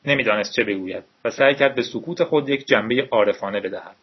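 A man reading a novel aloud in a steady, measured storytelling voice with a husky tone. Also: mid-range voice. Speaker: audiobook narrator. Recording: dull lo-fi recording.

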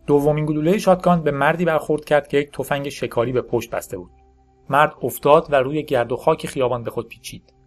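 A man narrating a story in a steady, measured audiobook style. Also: medium pitch. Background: faint background music.

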